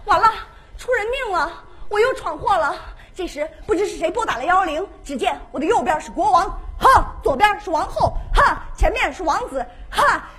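A woman performing a playful, animated comic monologue with sudden outbursts. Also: very high-pitched, fairly quick, few pauses. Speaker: comedian.

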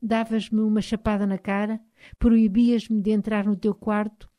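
A woman with a European Portuguese accent voicing an angry, proud young Highland husband, speaking emphatically with a raised voice. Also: little pitch movement, a little slow, warm tone, natural voice. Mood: heated.

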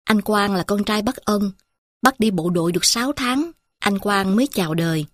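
A woman narrating a story in a calm, measured reading voice. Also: mid-range voice, dry recording, studio quality.

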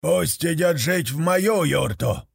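A man doing a greedy, domineering khan from a storybook, with a heavily gravelly voice. He drags every word out slowly and sits above the narrator's usual pitch. He barks his commands as if calling across a yard. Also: expressive, no room sound, clean studio sound, full character voice. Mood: commanding. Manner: slow, bellowing commands.

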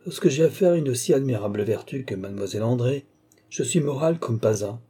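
A man's voice: mid-range voice, animated, brisk, dark tone, husky. A man voicing an aged, mannered court duke who mocks and lectures in an affected, theatrical way. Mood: sly mocking.

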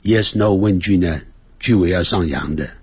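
A man teaching English on a radio lesson, explaining phrases and drilling pronunciation by stretching words out slowly. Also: deep voice, a little mellow, breathy edge, no room sound. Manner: switches between explanation and example phrases.

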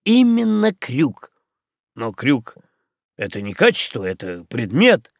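A man doing a calm, odd young ship's boy. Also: mid-range voice, takes it slowly, gravelly, dry recording, studio quality, exaggerated voice. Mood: matter-of-fact.

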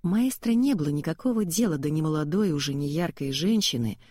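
For an audiobook, a woman reads a story aloud at an even, measured pace. Her low voice is mellow and slightly husky, recorded close and dry with no echo.

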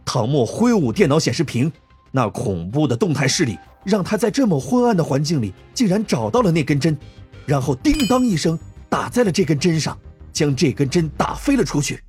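A man narrating a dramatic audiobook in an expressive, tense storytelling manner. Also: fairly high pitch, brisk, husky. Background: faint music.

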